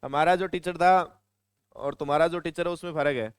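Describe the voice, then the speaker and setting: A man's voice: fairly high pitch, fairly even intonation, normal speed, clear, resonant tone, no room sound, clean studio sound. A male teacher with a Hindi accent giving a classroom grammar lecture. He tells stories in a chatty way and scolds his students.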